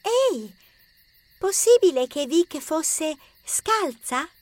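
A woman's voice: high voice, sing-song, takes it slowly, no echo, heavily acted. A woman voicing a bold, skeptical teenage girl in an audiobook story. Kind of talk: audiobook character acting.

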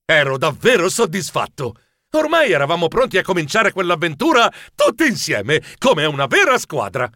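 An actor playing an anxious, fussy male mouse telling his own story in an audiobook, expressive and easily flustered. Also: a little high, moderate pace, dry recording, clean studio sound, full character voice. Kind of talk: audiobook narration.

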